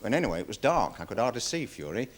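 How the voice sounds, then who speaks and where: An actor playing a nervous, deferential security guard testifying in a 1970s television courtroom drama, rambling with many fillers. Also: male voice, medium pitch, very animated, fast talker. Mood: worried, defensive. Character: nervous security guard witness, dog handler. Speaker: witness in court.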